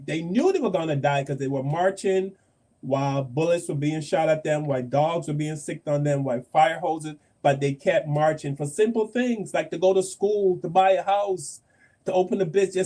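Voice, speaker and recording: A man's voice: fairly high pitch, moderate pace, warm tone. A man from Barbados hosting a podcast panel, making a passionate, emphatic argument and repeating phrases for force. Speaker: host.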